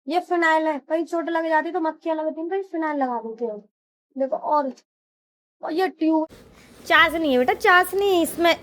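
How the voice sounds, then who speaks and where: High-voiced hoarse village woman vlogging. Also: moderate pace, slight background noise. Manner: chatty, scolds and coaxes family and kids. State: sore, hoarse throat after fever. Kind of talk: casual vlog narration. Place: outdoors in a village, farmyard and lanes.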